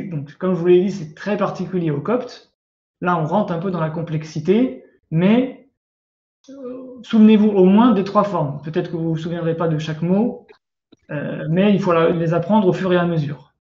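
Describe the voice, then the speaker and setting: A man's voice: sits high, a little mellow. A man teaching a grammar lesson in a patient, hesitant way, restarting his sentences often. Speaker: Coptic language teacher. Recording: roomy, dull lo-fi sound.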